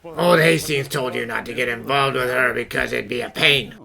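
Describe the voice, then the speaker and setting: A man's voice: mid-range voice, normal speed, vocal fry, pushed and bright. A man playing a weary, dry-witted police inspector in an anime-style fan dub, grumbling and dry. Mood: dry, exasperated. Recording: music behind the voice.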